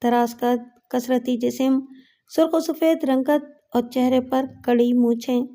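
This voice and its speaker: A woman narrating a dramatic first-person story with an expressive reading. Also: high-pitched. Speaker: narrator and voice-over artist.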